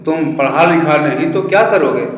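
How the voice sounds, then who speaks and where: A man doing a calm elder brother in an echoey room. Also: a little high, moderate pace, lightly acted. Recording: very echoey room, long reverb.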